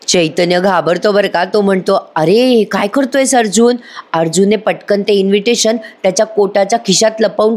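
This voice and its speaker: A woman narrating a lively voice-over recap of a TV serial episode, acting out each character's lines. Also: mid-range voice. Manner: lively storytelling, acts out every character's lines. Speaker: TV serial reviewer.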